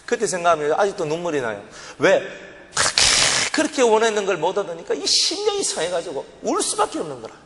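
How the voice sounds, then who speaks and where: Swooping widely through a high range, a pastor with a Gyeongsang Korean accent preaches a sermon full of vivid personal testimony, acting out his own past pleas. He is very animated, talks fast with a slightly bright voice, and sounds through a church sanctuary's long reverb over slight background noise.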